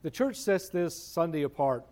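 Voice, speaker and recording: A man's voice: a little high, big pitch swings, normal speed, warm tone. A man preaching a conversational sermon, asking rhetorical questions and repeating phrases for emphasis.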